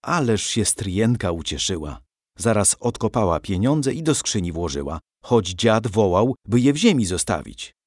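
A man narrating a historical storybook in a lively, animated way. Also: lowish voice, normal speed, no room sound, studio quality. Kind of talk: storybook reading.

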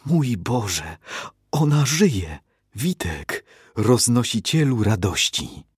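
Male reader voicing a caring young nurse, soothing, husky low tone. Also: very animated, takes it slowly, no echo, clean studio sound, exaggerated voice. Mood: overjoyed. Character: young woman field nurse, caring and urgent.

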